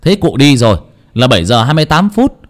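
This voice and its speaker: Man as a quick, loud-announcing villager, near his own voice. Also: medium pitch, big pitch swings, voice pushed up, close to an everyday voice. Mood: brisk. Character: villager calling out the time, brisk.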